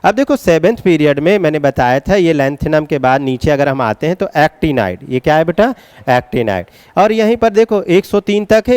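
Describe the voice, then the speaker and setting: A man teaching chemistry in a classroom lecture, coaxing his students with questions and chanting mnemonics in a slow singsong. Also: high-pitched, darkish tone, clear, resonant tone, no echo. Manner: coaxing, calls students beta, asks and answers questions.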